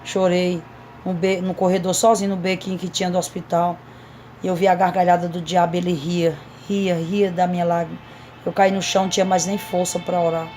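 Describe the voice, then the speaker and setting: Low flat-voiced woman testifying. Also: fairly quick, a little hiss or hum. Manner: earnest, repetitive storytelling to a congregation. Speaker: missionary. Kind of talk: emotional testimony sermon.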